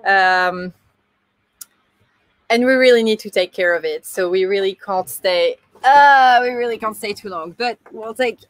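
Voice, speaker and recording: Here a sailing channel co-host talks at a measured pace in a medium-pitched voice during a casual live stream from her boat's cockpit in an outdoor marina. She's chatty yet hesitant, full of restarts and fillers, captured with webcam sound and no room sound.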